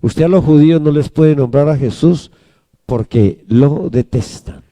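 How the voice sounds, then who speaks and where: A man's voice: fairly high pitch, unhurried, mellow. A man preaching a sermon as pastor, emphatic and calling on the congregation to answer back. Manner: emphatic, calls the congregation to respond.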